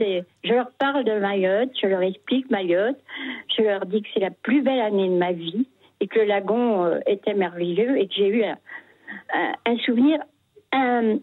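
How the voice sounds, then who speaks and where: An older Frenchwoman calling in to a radio show, talking haltingly with frequent restarts as she shares her memories. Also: medium pitch, slightly rough, no echo. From France. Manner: hesitant, halting, many restarts. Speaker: radio caller. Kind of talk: phone-in testimony. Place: her home. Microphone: telephone. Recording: phone line.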